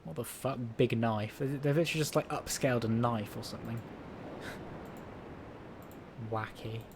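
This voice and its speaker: This man's mid-range voice moves a little slowly as he chats through a puzzle game stream, wandering off topic and restarting sentences midway. Loud game music fills a noisy background.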